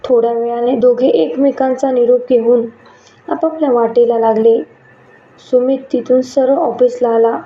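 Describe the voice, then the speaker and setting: This woman's voice sits on the high side, with fairly even intonation and a normal speed. She reads a scripted story aloud, lightly altering her voice for each character's dialogue, in a muffled, echoey room.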